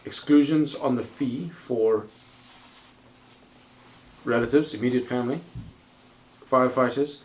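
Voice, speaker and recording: A man chairing a council meeting, calling votes in a procedural, brisk manner with wry asides. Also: mid-range voice.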